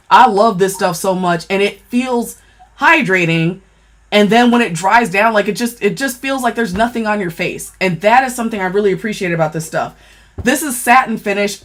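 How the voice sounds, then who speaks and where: A woman talking casually on a livestream about makeup, chatty and excitable, swearing freely and addressing her viewers directly. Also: medium pitch. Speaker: livestream seller reviewing makeup. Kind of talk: casual live-stream chat.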